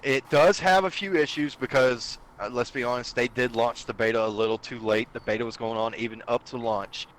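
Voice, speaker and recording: A man's voice: mid-range voice, steady tone, fairly quick, few pauses, fairly bright tone, a little hiss or hum, rough recording. Eager guy explaining a game. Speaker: guest streamer. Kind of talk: casual podcast chat.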